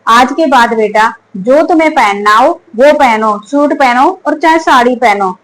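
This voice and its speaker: Family skit: a woman acting as a strict traditional mother-in-law, high-pitched, scolding. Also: normal speed, natural voice, low-quality recording. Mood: gentle. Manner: scolding, sharp rebukes.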